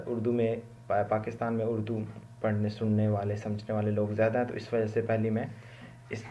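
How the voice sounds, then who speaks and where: A man's voice: on the low side, mellow, lo-fi sound. A man from Pakistan, a Quran teacher, giving a spoken lesson on Arabic letter pronunciation, explaining and repeating each sound to demonstrate, with English words mixed in.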